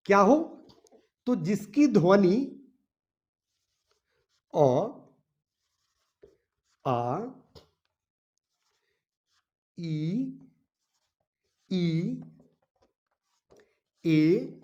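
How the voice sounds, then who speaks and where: Male teacher drilling grammar in class, slow and drawn out, voice goes up and down a lot. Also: high-pitched. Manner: drawn-out, repeats points, tells students to write.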